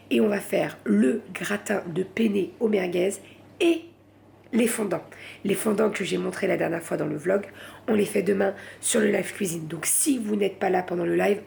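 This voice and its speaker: A woman's voice: mid-range voice, vocal fry, a little mellow, slight background noise. A woman vlogging late at night from home, chatting casually and rambling, saying voilà at the end of her sentences.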